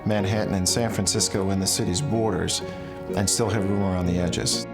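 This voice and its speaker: Deep-voiced man in a promo video. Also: steady tone, normal speed. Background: music bed.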